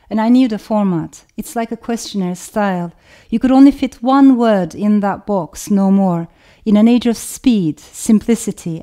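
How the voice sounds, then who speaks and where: A middle-aged woman with a Turkish accent, a novelist speaking reflectively about where she comes from, in a measured, thoughtful way. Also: medium pitch, mellow. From Turkey. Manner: measured, thoughtful, lists things in long chains. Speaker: novelist hosting her own channel. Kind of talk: reflective personal talk with a read passage.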